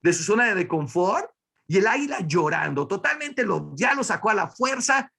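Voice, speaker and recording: A man tells a motivational story to his team, his voice pitched high for a man. He is animated and loose, often restarting and doubling words mid-sentence. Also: moderate pace, creaky, slightly rough. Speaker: business leader giving a motivational talk.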